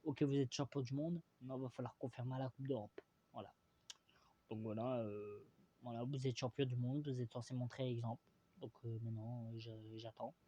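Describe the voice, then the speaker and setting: A man's voice: mid-range voice, steady tone, normal speed, warm tone, slightly rough. A young man from France rambling through a casual football vlog, hesitant and full of fillers and restarts, teasing and opinionated. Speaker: vlogger.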